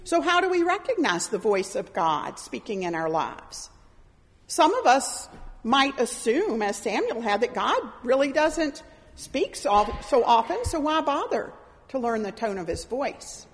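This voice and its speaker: A middle-aged woman preaching a sermon, her high voice rising and falling as she tells stories and plays out the voices of the people in them. She sounds lively, and her voice carries through the long reverb of a church hall. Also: unhurried. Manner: animated storytelling, voices quoted speakers. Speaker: pastor.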